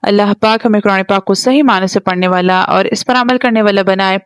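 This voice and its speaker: A woman teaching a tajweed lesson, spelling words out letter by letter in long drawn-out recitation, then explaining quickly. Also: mid-range voice, smooth, no room sound.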